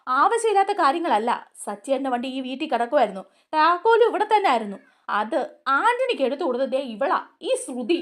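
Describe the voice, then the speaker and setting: A woman's voice: high-pitched, big pitch swings, fast talker. A woman voicing a brash young man who confronts and accuses others, in a raised, insistent voice. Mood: accusing.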